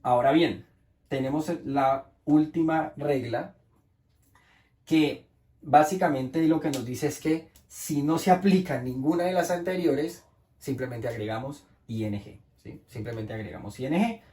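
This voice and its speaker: A man's voice: a little high, unhurried, warm tone, reverberant. A man teaching English grammar in Spanish, explaining rules patiently and checking in with the class.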